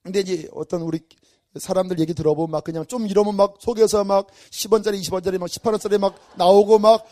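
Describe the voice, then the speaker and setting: Animated high-voiced male pastor. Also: quick pace. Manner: animated storytelling, acting out his own inner reactions. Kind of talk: early-morning sermon.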